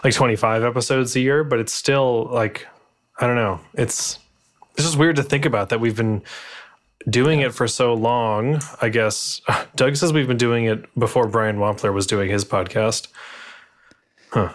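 A man in his thirties co-hosting a podcast, talking in an easygoing, halting way and laughing often. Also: medium pitch. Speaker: podcast co-host. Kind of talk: casual chat.

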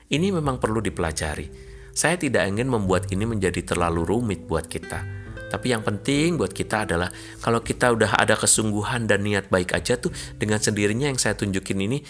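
Brief: very low-voiced male preacher, measured and calm, faint music underneath. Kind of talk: sermon.

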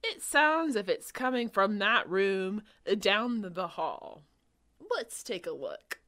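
A woman's voice: medium pitch, expressive, slow, a bit bright. A woman voicing a nervous boy ghost-hunter who stammers and shakes, reading a storybook aloud. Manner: shaky, stammering.

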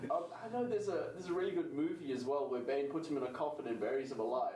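A man's voice: mid-range voice, fast, a little mellow. A man chatting casually about comics and films, emphatic and repeating points for effect. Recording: roomy, distant mic, faint noise.

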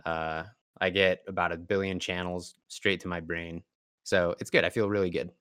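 Slightly hoarse, low-voiced man hosting a podcast. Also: little pitch movement, normal speed, fairly bright tone. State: tired. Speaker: podcast host. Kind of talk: casual podcast chat.

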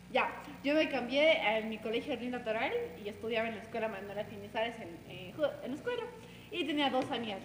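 A young woman in her twenties chatting casually, telling a school story in an animated way. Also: a little high, reverberant, in a large hall, a little hiss or hum, poor audio. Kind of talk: casual chat.

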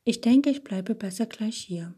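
A woman's voice: on the high side, animated, a little slow, dark tone, husky. A woman voicing a threatening, fanatical male waiter holding a pistol, hard-edged and menacing.

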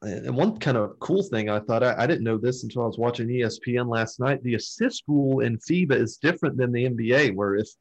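A man's voice: medium pitch, fairly quick, hardly any pauses, muffled recording. Man hosting a casual sports chat. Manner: leads the talk, runs through lists, asks co-hosts questions. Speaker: podcast host.

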